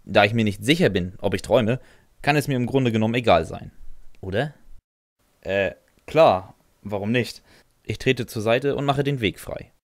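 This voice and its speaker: A man's voice: fairly low pitch, normal speed, dry recording. A man narrating a first-person fan audio drama in a dry, sardonic way, answering with hesitant "äh"s.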